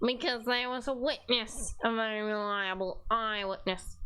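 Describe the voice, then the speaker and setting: A woman with a fairly high voice reads game dialogue aloud. She slips between character lines and casual banter as a co-player. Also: steady tone, normal speed, bright, forceful tone, clean tone.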